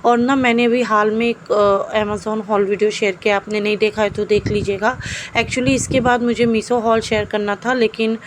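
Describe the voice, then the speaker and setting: A woman's voice: medium pitch, little pitch movement, normal speed, noisy background. A young woman vlogger chatting casually to her viewers in a rambling way, often slipping in English words. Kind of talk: casual family vlog chat.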